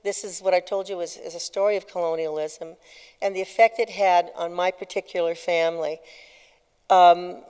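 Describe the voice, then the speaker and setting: A woman leading a group session, telling her family's history in a conversational, halting way. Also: on the low side, steady tone, darkish tone, clear, resonant tone. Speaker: workshop leader. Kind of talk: personal storytelling talk. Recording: long hall reverb.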